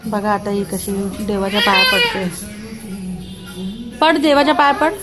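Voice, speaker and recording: A woman's voice: medium pitch, animated, normal speed, loud music behind the voice. A young woman with a Marathi accent chatting casually in a home kitchen vlog, cooing and baby-talking to her toddler as she cooks. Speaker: vlogger mother. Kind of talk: casual family vlog chat.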